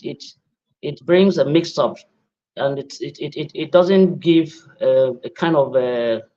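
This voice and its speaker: A man, answering trainees' questions as a media trainer, halting and repeating words. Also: on the high side, dull audio.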